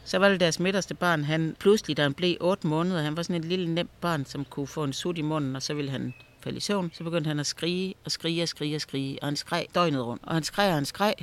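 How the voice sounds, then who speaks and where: This is a man with a slightly raised pitch, a guest author spinning eerie stories in conversation. He tells them in a lively way, stumbling over repeated words whenever he restarts a thought. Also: hardly any pauses. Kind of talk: storytelling in a conversation.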